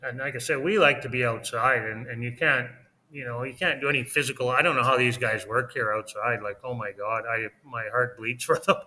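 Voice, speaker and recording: Chatty guy on a home livestream, super bright tense voice, laughs a lot. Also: medium pitch, fairly even intonation, fairly quick. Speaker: livestream co-host. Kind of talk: casual livestream chat. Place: home in Mexico.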